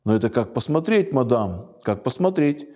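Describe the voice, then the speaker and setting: A man's voice: medium pitch, brisk, a little mellow, close to an everyday voice. Dry, wary guide, voiced by a man. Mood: guarded. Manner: dry and guarded. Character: wary, dry male guide of young travellers.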